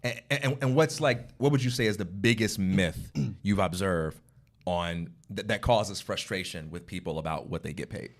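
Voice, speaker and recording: Homem contando histórias com muitas risadas. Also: male voice, low-pitched, moderate pace. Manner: animated storyteller, laughs often, acts out quotes. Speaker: podcast co-host. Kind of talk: casual chat.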